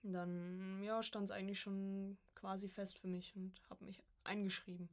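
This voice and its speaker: In a casual podcast interview, a young woman in her early twenties who studies voice acting recounts her story informally. Her mid-range voice stays level at a moderate pace.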